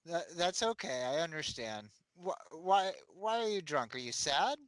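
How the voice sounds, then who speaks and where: A man's voice: a little high, sing-song, moderate pace, a bit bright, no echo, low-quality recording. A man playing in a tabletop game, asking friendly, easygoing questions. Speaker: player. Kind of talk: tabletop role-play.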